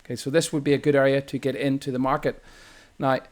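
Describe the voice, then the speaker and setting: A man's voice: medium pitch, little pitch movement, fast talker. An Irish man talks through a trading chart lesson in an ordinary mid-range voice. He explains in a loose, unscripted way, restarting phrases and correcting himself mid-sentence. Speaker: trading instructor. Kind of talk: screen-recorded chart tutorial.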